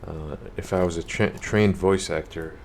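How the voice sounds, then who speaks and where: A man streaming a game, reading out the story text in a monotone and commenting on it, with frequent restarts. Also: sits low, measured pace, slight background noise. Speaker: let's play streamer. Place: home streaming setup.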